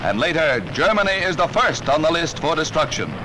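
A man's voice: a little high, sing-song, brisk, background noise. Rousing old newsreel announcer, man. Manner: rousing, emphatic announcer delivery. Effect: old newsreel sound. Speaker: newsreel narrator. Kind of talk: 1940s newsreel narration. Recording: narration over loud orchestral music.

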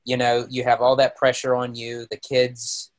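Man chatting haltingly on a podcast. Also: medium pitch, monotone, low-quality recording. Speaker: podcast panelist. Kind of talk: casual chat.

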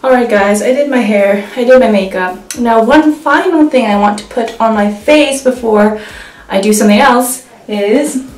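Chatty young woman vlogging in an echoey room. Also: fairly high pitch. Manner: chatty, rambling with fillers. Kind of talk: casual vlog chat. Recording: roomy echo.

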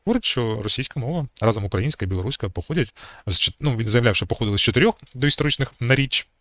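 A man's voice: medium pitch, animated, very fast, fairly bright tone, no echo, studio quality. A man giving an unscripted talk on language history as channel host, hesitating often with fillers and restarts.

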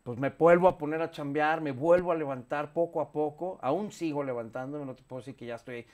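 A man in his fifties with a Mexican accent, talking candidly as an interview guest, animated and swearing freely, recorded on a lapel mic in a studio. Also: on the high side, brisk. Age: 50s. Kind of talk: casual interview chat. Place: studio set with sofa.

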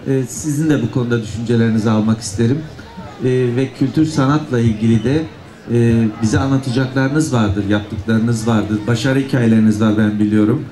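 A man's voice: mid-range voice, brisk, dark tone. A man moderating a public panel, speaking politely and formally with some hesitation into a microphone. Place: outdoor stage at night before an audience. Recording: echoey public-address sound with crowd.

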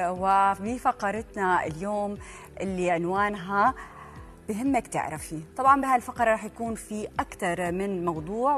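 Woman, TV host, quick and friendly, faint music behind. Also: medium pitch. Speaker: TV show host. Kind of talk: presenting a TV talk show.

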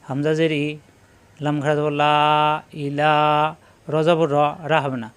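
Man, Quran reading teacher, Bangladeshi Bengali accent, smooth clear voice, slightly high, syllable-by-syllable spelling, slow chanted recitation. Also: level tone. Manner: spells each syllable then chants the joined words in a drawn-out tune. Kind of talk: slow letter-by-letter recitation lesson.

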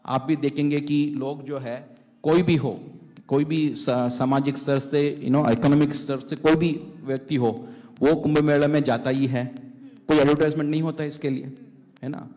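A middle-aged man, a panel guest, giving a spiritual talk on a TV stage, halting often and mixing in English words, speaking into a handheld mic. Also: a little high, steady tone, dark tone. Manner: halting, many restarts, mixes English words. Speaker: panel guest, temple vice-president. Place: large stage hall with audience. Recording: long hall reverb.

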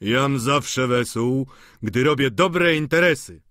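A man reading an audiobook, voicing a brash, witty boarder who jokes loudly and teases the table. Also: mid-range voice, animated, slow, no echo, clean studio sound, voice pushed up. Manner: loud, jovial banter. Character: brash, witty male boarder, cocky and mocking.

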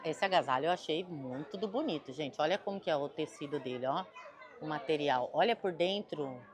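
Brazilian woman, travel vlogger, chatty and gushing, casual walk-and-talk delivery. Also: fairly low pitch. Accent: Brazilian Portuguese. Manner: chatty, gushing, talks to viewers. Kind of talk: casual shopping vlog.

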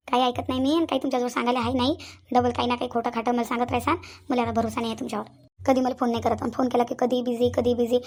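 A woman voices a furious young fiancée for a cartoon, lightly acted, talking at great speed in a high pitch with a Vidarbha Marathi accent. Her accusing questions come in a barrage, repeated over and over.

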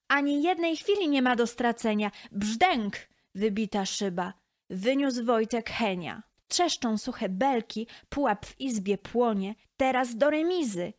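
A woman narrating a rhyming children's story aloud in a slow, expressive, sing-song manner. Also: fairly high pitch.

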